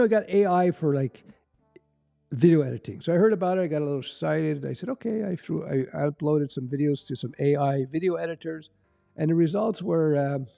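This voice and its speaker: His voice is a little high, creaky and dark-toned: a middle-aged man from Canada answering chat questions on a laid-back livestream. He talks conversationally and rambles, with plenty of fillers and false starts.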